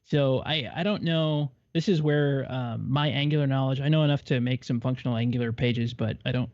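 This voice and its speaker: A man co-hosting a live coding show, relaxed and a little hesitant as he guides his partner step by step. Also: mid-range voice, normal speed, dry recording. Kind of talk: casual coaching during live coding. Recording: slightly muffled, dry mic.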